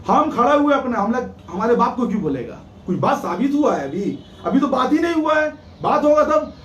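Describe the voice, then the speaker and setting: A man, a cleric, giving an agitated eyewitness account to a reporter, fast and indignant, acting out the exchanges he quotes. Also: very high voice, big pitch swings, lo-fi sound, slight background noise. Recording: echoey, distant mic with faint ambience.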